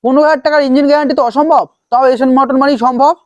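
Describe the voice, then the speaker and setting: A man with a Bengali accent, a showroom salesman reeling off prices and offers in quick repeated bursts. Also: very high-pitched, fairly even intonation, dry recording, highs cut off.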